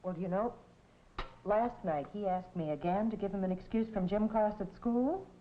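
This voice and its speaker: An actress playing a thoughtful, worrying mother who narrates a vintage educational film in an earnest, measured, sentimental way. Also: medium pitch, close to an everyday voice. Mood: worried. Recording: tinny, noisy vintage film soundtrack.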